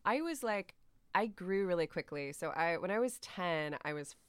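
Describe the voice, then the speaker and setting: A woman's voice: on the low side, animated, normal speed, clean tone, dry recording, studio quality. An American woman in her thirties chatting as a podcast guest, rambling and self-deprecating with frequent laughter. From United States. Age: 30s. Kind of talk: casual podcast chat.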